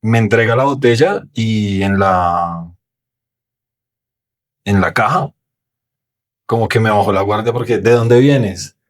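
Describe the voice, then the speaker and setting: Colombian podcast host, low voice, relaxed and conversational. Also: male voice, a little slow, pauses often. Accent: Colombian Spanish. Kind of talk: casual chat.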